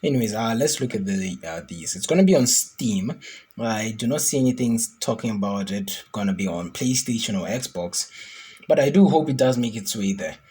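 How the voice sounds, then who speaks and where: A gaming YouTuber reacts to a video game trailer with casual, rambling commentary, chatty and speculative. His voice is lowish, mellow, and husky, with lively intonation at a moderate pace.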